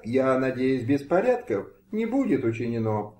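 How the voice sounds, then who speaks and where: A man reading an audiobook voices a formal, cautious official speaking in a measured way. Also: medium pitch, sing-song, mellow, distant mic, close to an everyday voice. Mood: formal warning. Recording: roomy home recording.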